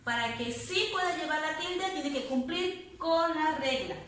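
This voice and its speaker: A woman teacher explains a grammar lesson patiently, slowing down to repeat words one syllable at a time. Her fairly high voice sits some distance from the mic and rings in a strongly echoing room over faint background noise. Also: fairly bright tone. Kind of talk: spanish grammar lesson to students.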